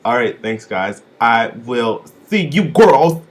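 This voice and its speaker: A young man from Chicago giving a casual, sassy vlog review, with swooping, expressive emphasis on his catchphrases. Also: mid-range voice, slow pace. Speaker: vlogger reviewing drag contestants.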